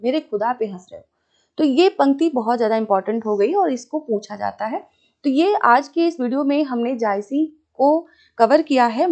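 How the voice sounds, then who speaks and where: A woman's voice: a little high, a little mellow. Woman teaching Hindi literature for exams. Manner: explanatory, repeats questions slowly. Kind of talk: exam-prep lecture.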